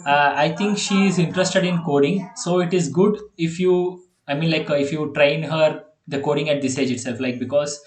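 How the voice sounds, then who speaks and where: On an echoey video call, a young Indian coding tutor, native Telugu speaker with an Indian accent, casually works with a student. His voice is on the high side and steady at a moderate pace with few pauses, though he hesitates with many fillers and restarts.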